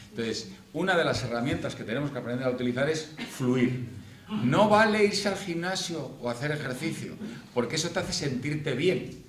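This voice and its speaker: A middle-aged man gives a lively conference talk as a financial coach, voice pitched in the middle range. He keeps it chatty and acts out quoted lines. The sound is roomy and echoey with a faint hum of noise underneath. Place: conference room.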